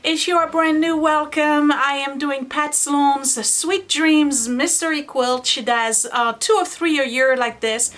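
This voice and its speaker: A woman's voice: high-pitched, steady tone, unhurried, hardly any pauses, fairly bright tone. A woman hosting a quilting series, talking casually and wandering into self-deprecating asides as she explains. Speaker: host of a quilting video series. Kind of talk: casual tutorial chat.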